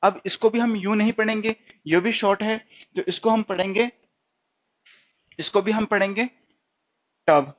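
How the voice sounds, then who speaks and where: Here the man teaching stenography keeps a high, steady tone at a moderate pace, leaving long pauses. He repeats words and quizzes himself with frequent "theek hai" in a recorded tutorial of dull lo-fi quality.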